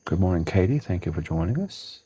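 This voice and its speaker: A man, calmly thanking viewers on a live stream from his porch. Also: low-pitched, fairly quick, a little hiss or hum. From central Alabama. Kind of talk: casual chat on a live stream. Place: outdoors on a home porch at dawn.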